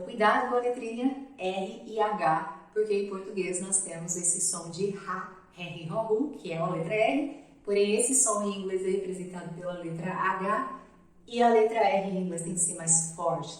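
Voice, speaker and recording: A woman's voice: medium pitch, recorded from a distance. Brazilian woman teaching, in an echoey room. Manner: careful, repeats each sound slowly for demonstration. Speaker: English teacher. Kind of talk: pronunciation lesson.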